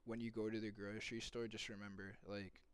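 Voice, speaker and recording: A young Somali man hosts a casual debate on a video call, sounding hesitant yet persuasive and peppering his speech with "um" and "like." His voice is fairly low and flat, fairly quick, and clean, with no echo.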